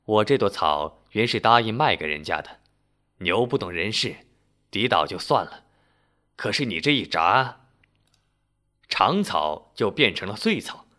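A sly, bullying village husband who sneers through his words and barks when crossed, voiced by a man reading a folk story. His pitch swings widely between a low purr and loud outbursts. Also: exaggerated voice. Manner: mocking, barking when angry.

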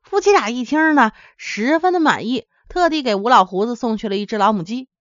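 A woman's voice: on the high side, expressive, brisk, fairly bright tone, dry recording. A woman from Henan telling a folksy comic tale in a chatty way, speaking directly to her listeners. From Henan, China. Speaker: storyteller. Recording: dull, dry lo-fi recording.

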